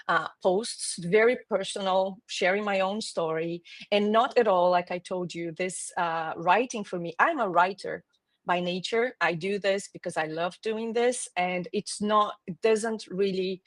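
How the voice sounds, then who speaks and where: A woman's voice: medium pitch, dry recording. A woman in her forties from Brazil, speaking English with a Brazilian Portuguese accent, a guest talking thoughtfully over a video call with hesitant restarts. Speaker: guest, marketing executive. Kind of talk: conversational interview.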